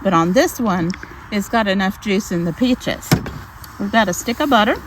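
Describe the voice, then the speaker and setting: A woman's voice: medium pitch, lively intonation, normal speed. A middle-aged woman with an Arkansas Southern accent, chatting casually and folksily as she demonstrates outdoor cooking. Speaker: outdoor cooking vlog host. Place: outdoors in snowy cold. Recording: noisy outdoor camera audio.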